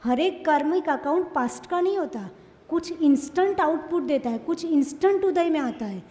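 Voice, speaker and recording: A woman's voice: sits high, expressive, normal speed, warm tone. A Jain nun giving a sermon in Hindi with an Indore accent, scolding and putting rhetorical questions to her listeners. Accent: Indian Hindi, Indore. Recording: long hall reverb.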